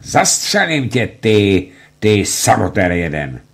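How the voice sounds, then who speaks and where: A man reading out the shouted threats of a brutal male army corporal. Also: lowish voice, sing-song, creaky, heavily acted. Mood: threatening.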